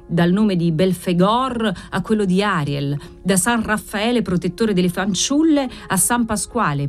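A woman reading a literary novel aloud in a measured, expressive storytelling manner. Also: mid-range voice. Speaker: audiobook reader. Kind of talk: literary narration.

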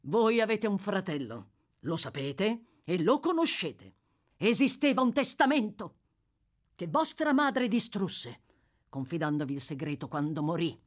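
A woman reading as a stern elderly gentleman. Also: lowish voice, pitched above the performer's own voice. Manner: measured, accusing, firmly deliberate.

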